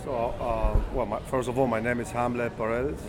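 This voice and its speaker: A man's voice: medium pitch, level tone. Cuban man in a noisy bar. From Cuba. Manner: halting, rephrasing often. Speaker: guest, cigar maker. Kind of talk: casual interview. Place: cigar bar. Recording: busy bar crowd behind. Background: crowd chatter.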